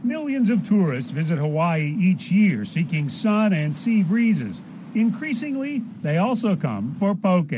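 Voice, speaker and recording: A man's voice: sits high, very animated, unhurried, background noise. A man narrating a feature news story in an upbeat reporter's delivery. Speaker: news correspondent.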